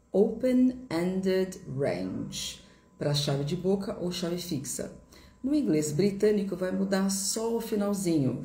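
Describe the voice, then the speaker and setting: A woman's voice: low-pitched, dark tone, echoey room. A woman English teacher giving a live online lesson, explaining patiently step by step and repeating examples.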